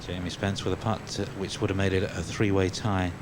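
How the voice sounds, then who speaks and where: A man's voice: low-pitched, level tone, brisk, noisy background. A man working as a golf commentator, calling a tournament live.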